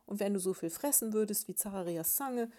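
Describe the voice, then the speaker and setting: Woman doing a worn-out sleepy beetle guy, murmuring half-whispered, slow and mellow. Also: on the low side, lightly acted. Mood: shouting.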